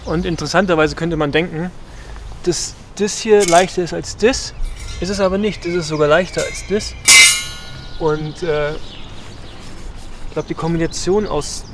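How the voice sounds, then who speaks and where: Relaxed man vlogging, slightly high voice. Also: a little slow, long pauses, a little hiss or hum. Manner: relaxed, rambling, many filler sounds. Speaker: pro gravel cyclist vlogging a race trip. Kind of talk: casual vlog chat to camera.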